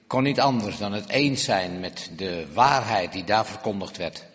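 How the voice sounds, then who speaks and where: Male live interpreter, lowish voice, hesitant restarts, long church-hall reverb. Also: unhurried, a bit bright.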